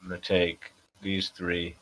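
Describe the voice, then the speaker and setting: Very deep-voiced New England man. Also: monotone, measured pace, fairly bright tone, poor audio. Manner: laid-back, dry joking. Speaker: card game opponent. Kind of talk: casual chat while playing a card game.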